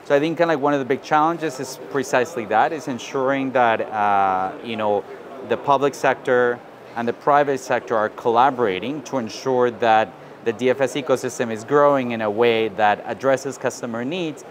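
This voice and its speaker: A man from South America giving measured interview answers, often adding "you know" and "right?". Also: medium pitch. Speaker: interviewee, financial inclusion advisor. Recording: outdoor recording with street noise.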